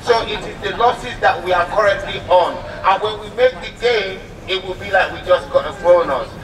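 A man's voice: high voice, normal speed. A middle-aged man giving a rousing union rally speech through a megaphone, emphatic and repetitive, outdoors. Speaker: union speaker. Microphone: handheld megaphone, filmed from several metres. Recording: noisy outdoor street, distant megaphone, echo.

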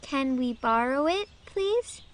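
A woman's voice: high-pitched, expressive, slow pace, dry recording. A woman voicing a cheerful young girl in a course book audio dialogue, with a sing-song child voice.

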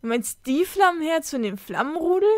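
A woman's voice: a little high, lively intonation, normal speed, no room sound, studio quality, lightly acted. A woman voicing a curious, stubborn young schoolgirl who speaks earnestly and pleads.

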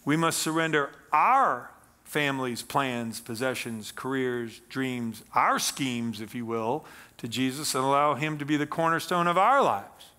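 Bright-voiced man preaching a sermon. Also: mid-range voice, unhurried. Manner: animated, gesturing, reads scripture aloud then explains. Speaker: pastor. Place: church stage with pulpit.

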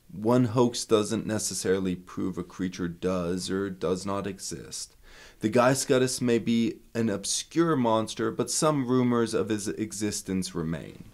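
Lower-pitched man telling a legend dramatically. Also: darkish tone. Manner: dramatic storyteller, punchy asides and swells. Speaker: museum staff member telling local lore. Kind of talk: storytelling narration of a folk legend.

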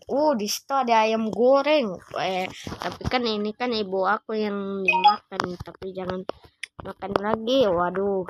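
A woman's voice: a little high, background noise. A woman hosting a gaming channel, giving let's-play commentary, chatty and constantly exclaiming as she talks to her viewers. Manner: constant exclaiming, frequent "waduh" and "aduh"; chatty, addresses viewers as guys.

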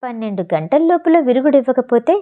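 A woman voicing a calm, cunning young woman doctor in an audio novel, speaking in a cool, composed way. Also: sits high, brisk, phone-quality sound.

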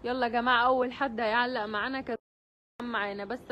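A man's voice: very high voice, steady tone, quick pace, sharp tone, dull audio. An Egyptian man co-hosting a live-stream sale with sales patter and short call-and-response interjections. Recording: faint background noise.

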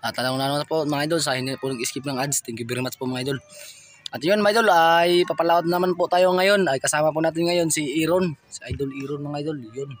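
A man with a Filipino accent narrating a casual fishing vlog from a small boat, shouting excitedly during catches. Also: a little high, fast talker, slight background noise. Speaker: fishing vlogger.

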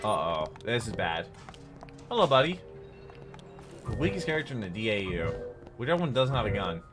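A man in his twenties giving casual, joking, excitable commentary as he streams a game. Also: on the low side, brisk. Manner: excitable, joking, startled exclamations. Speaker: game streamer playing a first playthrough. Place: small indoor room, seated at a gaming desk. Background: game music and sound.

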